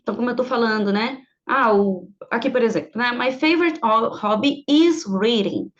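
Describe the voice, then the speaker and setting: A woman whose first language is Portuguese teaches an online English grammar lesson, walking through each rule step by step and often pausing to check the class follows. Her voice sits a little high. The recording is slightly dull and lo-fi.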